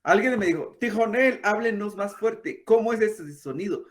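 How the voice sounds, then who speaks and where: A man, a language teacher patiently explaining and softly demonstrating throaty sounds. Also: high-pitched, animated, normal speed. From Guatemala. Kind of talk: explanatory talk.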